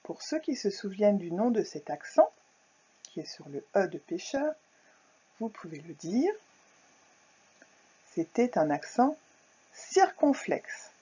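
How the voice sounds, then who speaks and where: Slow, careful teacher. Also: female voice, mid-range voice, very animated, mellow, breathy edge. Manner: slow, carefully articulated, syllable by syllable. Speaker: primary school teacher. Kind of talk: recorded phonics lesson for young children. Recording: dull lo-fi recording.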